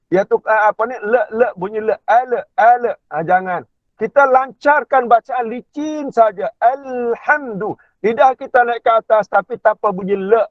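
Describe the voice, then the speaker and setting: A man with a Malaysian Malay accent teaching a Quran recitation class online from inside a car. He keeps checking in with his listeners and slowly drawls out recited words as examples. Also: high-pitched, no room sound. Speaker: religious teacher. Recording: tinny phone-line audio, dry.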